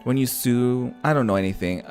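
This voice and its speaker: His voice is mid-range, brisk and darkish. He's a native Portuguese-speaking content creator streaming a visual novel, offering sassy, opinionated gameplay commentary and swearing freely, with background music playing.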